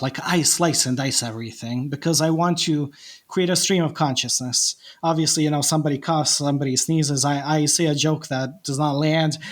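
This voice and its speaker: In a relaxed podcast conversation, a fairly high-pitched man from Bosnia reflects aloud in accented, non-native English, frequently starting his sentences over. He appears as both host and guest.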